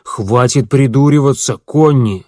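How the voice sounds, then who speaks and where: A man voicing an angry, crude male accomplice who curses and shouts accusations. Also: mid-range voice, moderate pace, dry recording, clean studio sound, close to an everyday voice. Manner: loud, cursing, accusing.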